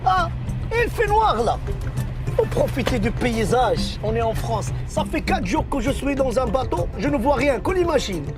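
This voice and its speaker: An effusive young Moroccan migrant in a comedy film, with a high-pitched voice. His French is slightly broken and Moroccan-accented, with words repeated as he chummily insists. Music plays behind him. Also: big pitch swings, measured pace, exaggerated voice. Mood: exclaiming. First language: Arabic. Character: chatty, naive, overfriendly young Moroccan migrant man.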